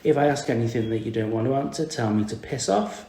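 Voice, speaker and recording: A man's voice: mid-range voice, quick pace, warm tone. A man with a Merseyside accent hosting a podcast interview, cheeky and jokey, swearing casually. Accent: Merseyside English. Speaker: podcast host. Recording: echoey room.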